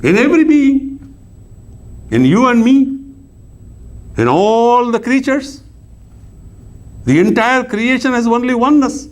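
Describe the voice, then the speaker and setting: A man lecturing on scripture as a philosophy teacher, who poses rhetorical questions and answers them himself, swinging between raised emphatic lines and low soft asides. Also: expressive, slow pace, long pauses.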